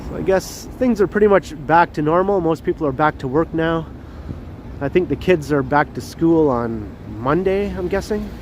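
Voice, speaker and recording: Out on a city street at night with traffic and street noise, a man with a cold-clogged nose runs a casual walking livestream. His somewhat high voice is expressive at normal speed, and he chats freely, laughs frequently and greets chat readers by name.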